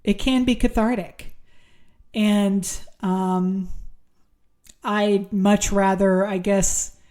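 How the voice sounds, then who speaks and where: Very slow and steady, this podcast host's warm, medium-pitched voice is fading as she loses it. She chats casually through horror movie reviews and news on her own, with plenty of ums and restarts.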